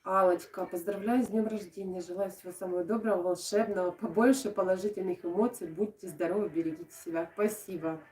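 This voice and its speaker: A young adult woman with an Odesa accent chatting casually and affectionately to live-stream viewers, in a halting way with thoughts that trail off. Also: on the low side, steady tone, darkish tone. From Odesa region, Ukraine. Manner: affectionate, uses endearments and diminutive names. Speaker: craft video blogger and live streamer. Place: indoors at home. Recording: echoey room, distant microphone.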